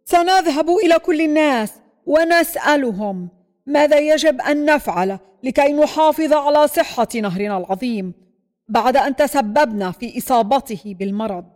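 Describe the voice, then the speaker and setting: A woman's voice: fairly high pitch, steady tone, quick pace, hardly any pauses, warm tone, in a large hall, lightly acted. A woman voicing an eager, determined young boy in a children's storybook reading.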